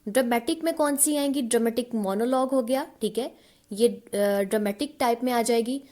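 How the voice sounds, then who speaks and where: A woman teaching a literature lesson, reading definitions slowly and then explaining them in conversational Hindi. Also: a little high, a little mellow. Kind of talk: online lecture mixing Hindi and English.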